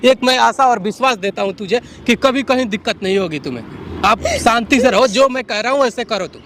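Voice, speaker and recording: A man playing a young man who soothes a crying woman, coaxing her over and over to calm down and speak. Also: very high-pitched, fairly quick. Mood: soothing. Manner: soothing, coaxing, repeats himself. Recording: traffic noise outdoors.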